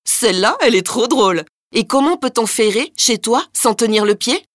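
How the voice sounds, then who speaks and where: A woman's voice: mid-range voice, lively intonation, measured pace, no room sound, clean studio sound. A woman voicing a proud, boastful master blacksmith in a folk tale, talking in a pompous, bragging way.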